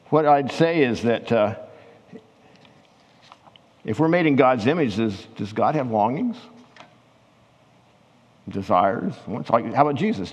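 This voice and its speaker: Man, pastor, casual sermon delivery, mid-range voice, echoing hall. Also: medium pitch. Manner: conversational, animated when retelling scripture scenes. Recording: long hall reverb.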